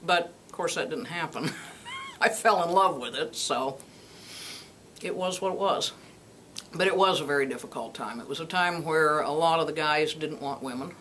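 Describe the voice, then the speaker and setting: A woman in her sixties, a retired Air Force colonel, telling her life story in a lively way, laughing often. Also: deep voice, normal speed, slight background noise. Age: 60s. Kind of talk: personal storytelling interview.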